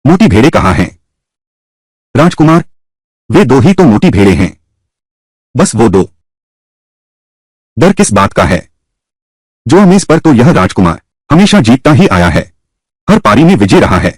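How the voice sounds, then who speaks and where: Husky guy dubbing a costume drama, bouncy pitch, dry close mic. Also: very animated, unhurried, pauses often, darkish tone, no room sound. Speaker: dubbing narrator voicing all roles. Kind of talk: Hindi dub of a historical drama.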